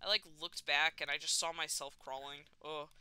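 A woman streamer chatting casually while gaming, giggly and quick to exclaim. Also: low voice, fairly even intonation, sharp tone, clear, resonant tone, no echo.

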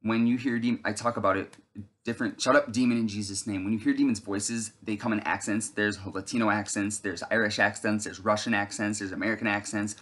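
A man's voice: lowish voice, steady tone, fairly quick, hardly any pauses. A man in his thirties giving a rambling, earnest religious testimony, with many fillers and restarts. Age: 30s. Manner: breaks off to shout at someone off camera. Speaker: video testifier.

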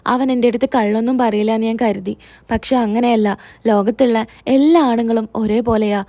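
A woman's voice: fairly high pitch, fairly even intonation, moderate pace, mellow, close to an everyday voice. A woman voicing a tearful young wife who feels betrayed, speaking bitterly in a Malayalam serial retelling. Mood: upset.

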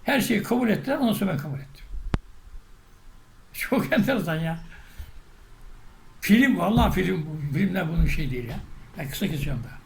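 A man tells a story with lively animation, acting out shouts and quotes as a spiritual teacher. His voice is high and gravelly. The room is echoey, with a faint hiss underneath. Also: a little fast, pauses often. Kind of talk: recounting a personal story.

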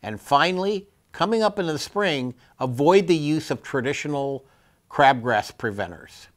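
A middle-aged man, a turfgrass specialist explaining things step by step to camera on a lapel mic in a studio. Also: medium pitch. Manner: plain-spoken, practical, explains step by step with restarts. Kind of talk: explanatory extension talk to camera. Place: indoor studio set.

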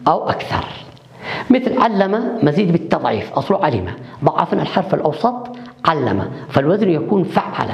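A man's voice: a little high, vocal fry, darkish tone. A male university lecturer giving a recorded online lecture, explaining step by step and answering his own questions to the class. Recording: echoey room, dull lo-fi sound.

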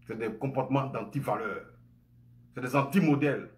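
Speaking at a normal speed in a mid-range voice, a man from Côte d'Ivoire in his forties delivers a passionate monologue to camera from a room in his home. This online commentator has an Ivorian French accent, sounds indignant and emphatic, gestures heavily and leans on rhetorical questions.

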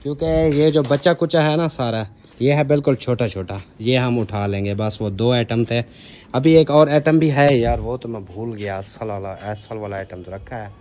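A man's voice: mid-range voice, moderate pace, a little mellow, a little hiss or hum. A man with a Pakistani accent vlogging from a village home, giving joking, bossy instructions to helpers as they move things. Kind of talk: casual vlog narration while directing helpers. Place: village house, indoors and outdoors.

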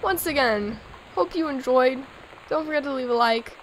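A hoarse, sick young woman hosting a let's play, chatting and giggling as she reads in-game notes aloud. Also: high voice, normal speed, slight background noise, low-quality recording. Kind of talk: casual gameplay commentary.

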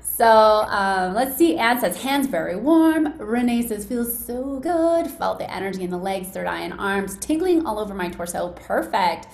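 A woman's voice: medium pitch, expressive, normal speed, vocal fry, few pauses, darkish tone. A woman hosting a casual, encouraging live demonstration for a group on a video call, chatty and addressing listeners directly. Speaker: host demonstrating a wellness device to an online group. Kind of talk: casual enthusiastic live demo, with calm guided relaxation. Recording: roomy echoing video call with faint noise.

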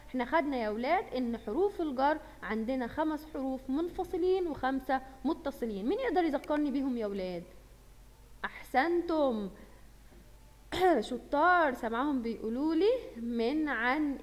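A woman with an Egyptian Arabic accent teaching a primary school lesson, asking questions and praising the pupils. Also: high voice. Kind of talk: recorded lesson for young children. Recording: long reverb from a hall-like room.

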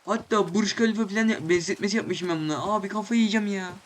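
A man's voice: high voice, fast talker. A young man commentating his Minecraft play, complaining in an exasperated way, swearing casually and talking to the animals in the game. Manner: swears casually, exclaims loudly. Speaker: gaming channel host.

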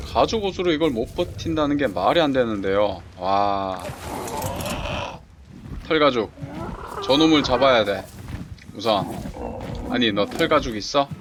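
A man giving casual running commentary while playing a survival game, talking to himself and urging on the creatures. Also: mid-range voice. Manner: talks to himself and the game creatures, excited exclamations. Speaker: game streamer. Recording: clear background game noise.

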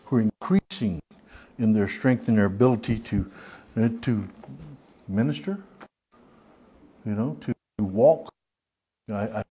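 A man's voice: on the low side, warm tone, breathy edge. A man with a Southern US accent leading a church Bible study, talking in a folksy, rambling way with many restarts and fillers. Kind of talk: informal Bible study teaching. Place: church hall.

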